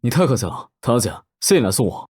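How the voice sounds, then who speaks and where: An actor playing a calm, self-assured young village doctor hero. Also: male voice, mid-range voice, rapid-fire, breathy edge.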